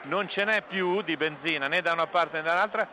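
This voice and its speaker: Man, high voice, football co-commentator, conversational live analysis, noisy outdoor stadium. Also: brisk. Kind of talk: unscripted live match analysis.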